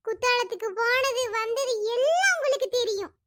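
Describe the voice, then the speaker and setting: A voice actor playing a sulky, dramatic young village wife in a cartoon, with a squeaky sped-up voice. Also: lively intonation, moderate pace, heavy background noise. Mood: complaining. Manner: whiny, complaining. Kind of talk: cartoon voice acting.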